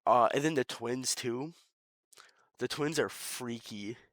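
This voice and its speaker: A man's voice: mid-range voice, slow, a bit bright, no echo, clean studio sound. A man hosting a casual movie review chat, easygoing and rambling, with lots of fillers and restarts.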